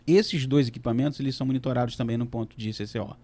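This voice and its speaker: A man's voice: mid-range voice, fairly even intonation, dark tone. Guy from the water company answering questions, lots of uh and restarts, keeps stumbling. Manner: halting, many fillers and restarts. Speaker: water utility representative.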